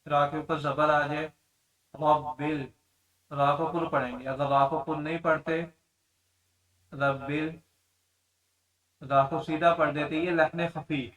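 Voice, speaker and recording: A man teaching a tajweed lesson, explaining mistakes in plain speech and then chanting the verses slowly. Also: fairly high pitch, little pitch movement, fairly bright tone, distant mic, rough recording. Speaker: Quran recitation teacher.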